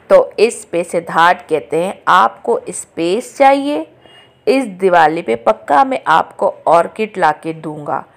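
A woman narrating a chatty recap for viewers, retelling quotes in her own voice. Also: on the low side. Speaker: show update narrator.

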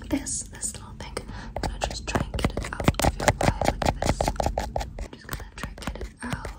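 A woman doing a whispered role-play in fast ASMR whispering, repeating short phrases rapidly in a soothing, reassuring way. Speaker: ASMR performer.

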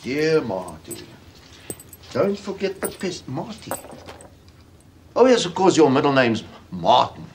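A man's voice: fairly high pitch, huge pitch swings, takes it slowly, pauses often, slight background noise, exaggerated voice. An actor playing a smug, menacing male police interrogator who speaks in a coolly bureaucratic, mocking way. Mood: menacing mockery.

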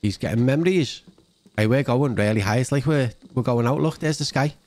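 A man's voice: medium pitch, brisk, a little mellow. A man around his thirties or forties giving casual, chatty let's-play commentary, thinking aloud close to a desk mic. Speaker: gaming channel host. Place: indoors at a gaming setup. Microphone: desk microphone, close.

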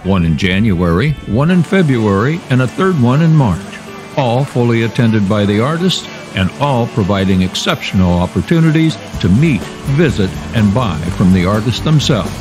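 Male narrator, steady scripted voice-over, music underneath. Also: on the low side, normal speed.

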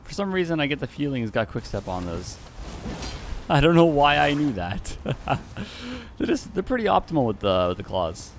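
A man's voice: medium pitch, sing-song, normal speed, slight background noise. A man giving casual, playful commentary over his own gameplay, chuckling often and greeting the players he meets. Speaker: gaming YouTuber.

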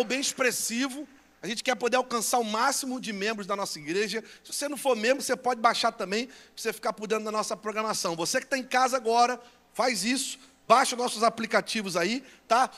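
High-voiced, bright Brazilian pastor joking on stage. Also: male voice. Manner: playful, teasing banter with the audience. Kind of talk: joking stage announcements to a live crowd. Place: large church conference hall. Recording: long echo of a big hall.

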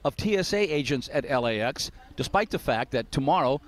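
Speaking at a brisk clip with an expressive, medium-pitched voice, an older American TV news correspondent holds a handheld mic. He gives live reporting and scripted narration at an airport terminal and along the curb.

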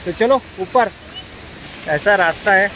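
A young man vlogging casually outdoors in the rain, excitedly pointing out the waterfalls to viewers as he films on a handheld camera. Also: high voice, slow pace. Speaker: travel vlogger. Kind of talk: casual travel vlog. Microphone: handheld phone or action camera. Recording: loud outdoor noise of rain and falling water.

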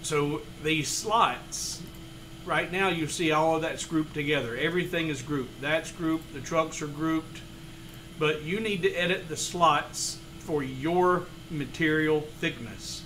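A man's voice: on the high side, slow pace, slight background noise, poor audio. Man explaining a design tutorial. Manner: relaxed, step-by-step instruction with frequent "uh" fillers. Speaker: woodworking tutorial host. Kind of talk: screen-recorded software tutorial. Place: home studio room.

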